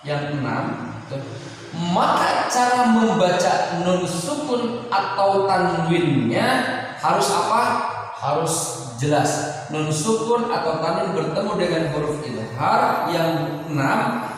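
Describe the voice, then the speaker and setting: A male Indonesian teacher giving an online Quran recitation lesson, explaining slowly and chanting the examples. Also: high voice, animated, slight background noise. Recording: roomy echo, distant from the mic.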